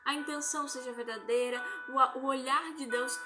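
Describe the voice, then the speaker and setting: A woman's voice: sits high, fairly even intonation, normal speed. A woman gives an informal devotional talk from home on a live stream, tagging nearly every phrase with a questioning "né?". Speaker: lay religious speaker. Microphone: phone or webcam on a live stream. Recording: music playing behind the voice.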